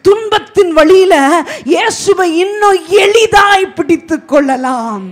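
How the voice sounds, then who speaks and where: A woman pastor preaching a sermon with emphatic delivery, swinging between loud and hushed. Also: very high voice, measured pace, soft background music. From Tamil Nadu, India.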